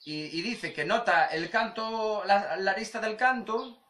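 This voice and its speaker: A man from talks casually to his surf channel, circling back over his points and putting on the voices of the people he quotes. His voice sits high and sounds bright and sharp. The room around him is echoey. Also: a little slow. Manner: rambling, repetitive, acts out quoted voices. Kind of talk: casual vlog monologue.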